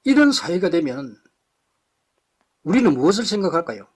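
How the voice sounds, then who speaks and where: High, lively-voiced man lecturing passionately. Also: normal speed, slightly rough. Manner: impassioned, rhetorical questions, blunt insults. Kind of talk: political lecture to a live audience.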